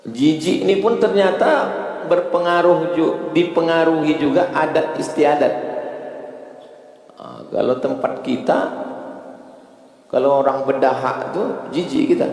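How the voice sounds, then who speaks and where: A male preacher giving a storytelling sermon in an animated way, with big swings in pitch. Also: unhurried, long pauses. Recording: echoey hall with long reverb.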